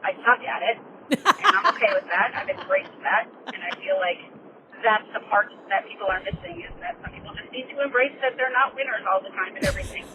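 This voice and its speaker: A woman's voice: fairly high pitch, big pitch swings, brisk. A woman, a middle school art teacher, talking in a chatty, self-deprecating way in a voicemail played back over a phone line. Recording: tinny phone voicemail with background noise.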